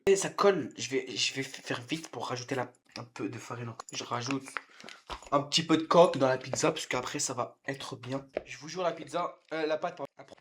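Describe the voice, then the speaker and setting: A young man live-streaming from his home kitchen, chatting loudly with viewers, swearing and teasing them while he cooks. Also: high-pitched, slight background noise. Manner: loud, excitable, swears and teases chat. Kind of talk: casual live-stream chat while cooking.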